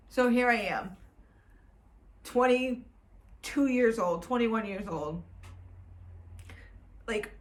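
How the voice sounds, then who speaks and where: A woman's voice: fairly high pitch, fairly bright tone. A woman in her twenties telling her own story at home in a candid, emotional, rambling way. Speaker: vlogger. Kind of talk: personal vlog storytelling. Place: at home indoors.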